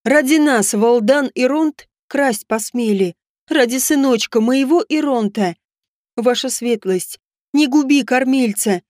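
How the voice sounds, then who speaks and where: Brief: desperate young village wife in an audiobook, voiced by a woman, begging, sobbing, slow. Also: high voice, a little mellow, dry recording, studio quality. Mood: pleading. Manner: pleading, sobbing.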